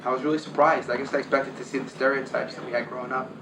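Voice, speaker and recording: A man speaks reflectively, at times sinking to a near whisper. His voice comes from some way off the mic in a roomy space. Steady background noise sits under him. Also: mid-range voice, very fast, gravelly, far from the mic. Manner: reflective, dropping to a hushed whisper. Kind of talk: documentary interview.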